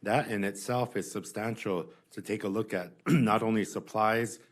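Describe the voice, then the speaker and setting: A man giving spoken testimony as a witness at a hearing, earnest and insistent, often halting and restarting his phrases. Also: on the low side, steady tone. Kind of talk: spoken testimony, answering questions.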